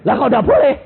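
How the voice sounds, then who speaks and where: An older man preaching a sermon, emphatic, swinging between loud high bursts and low quiet asides, acting out little dialogues. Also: gravelly. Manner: emphatic, rises sharply and drops low, acts out dialogues. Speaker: evangelist preacher. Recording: tinny phone-like audio with faint hiss.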